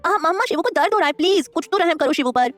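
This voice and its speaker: A woman's voice: very high voice, animated, quick pace, dry recording, pitched above the performer's own voice. A woman voicing a clever, sweet little boy who pleads and wheedles in an audio story. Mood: childlike. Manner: childlike, wheedling.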